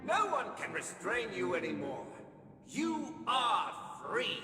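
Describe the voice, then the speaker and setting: An actor playing a commanding game ringleader who proclaims freedom in a theatrical, declamatory way. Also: male voice, sits high, big pitch swings, takes it slowly, sharp tone, full character voice. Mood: proclaiming. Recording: echoing hall, clear music behind.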